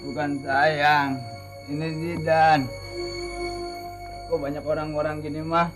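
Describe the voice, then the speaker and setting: A befuddled, drunken young son drags out his words on a flat pitch. It is a television drama scene with clear music behind him. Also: poor audio. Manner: slow, muddled. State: drunk, as acted.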